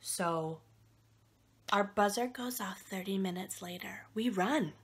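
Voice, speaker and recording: A woman's voice: medium pitch, breathy edge. Candid, swearing mother telling a story. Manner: candid, profane, animated retelling with quick asides. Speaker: podcast host. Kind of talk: personal storytelling.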